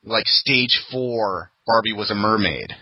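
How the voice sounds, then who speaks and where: A man's voice: on the low side, takes it slowly, pushed and bright, husky, no echo, rough recording. A man hosting a casual podcast chat, talking loosely and laughing often. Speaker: podcast host.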